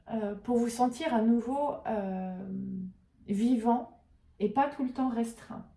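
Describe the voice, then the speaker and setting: A woman with a higher, mellow voice talks through an intuitive oracle card reading, often pausing to search for the right words. Her voice sits a little back from the mic in a roomy space with noticeable echo. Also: distant mic. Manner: hesitant, searching for words with many fillers. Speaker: tarot and oracle card reader.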